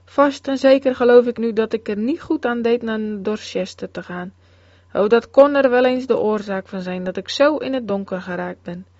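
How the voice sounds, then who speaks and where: A woman's voice: on the high side, moderate pace, a little mellow, no room sound, lightly acted. A woman reading the quoted words of an elderly devout mother, voiced plainly and pleadingly. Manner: pleading, sorrowful quoted speech. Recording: dull, dry close recording.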